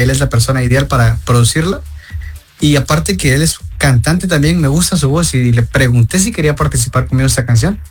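A man in his forties from Guatemala, a guest musician telling his story in a friendly, relaxed way over a remote connection. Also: medium pitch. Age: 40s. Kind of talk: phone-in interview.

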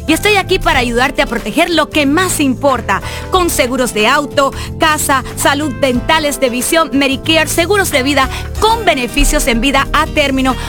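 A woman delivering a scripted radio advertisement as an insurance agent, in a promotional sales-pitch manner. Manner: promotional sales pitch, spells out phone numbers slowly. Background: background music.

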